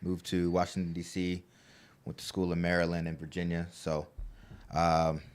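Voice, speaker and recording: A man's voice: deep voice, completely flat delivery, normal speed. A man from the United States, laid-back and casual, telling his story as a panel guest. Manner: laid-back, laughs often while telling stories.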